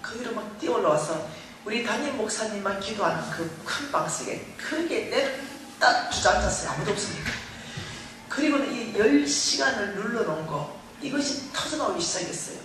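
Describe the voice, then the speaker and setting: A middle-aged woman speaking at a revival meeting, telling her story in an animated way and acting out the voices in it. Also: medium pitch, noisy background. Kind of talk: testimony sermon. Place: large church hall. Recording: echoey hall recording from far off.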